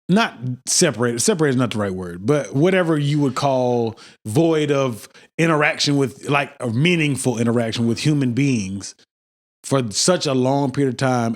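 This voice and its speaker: A man's voice: mid-range voice, animated, normal speed. A man co-hosting a podcast in casual chat, blunt, joking and often profane. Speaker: podcast co-host.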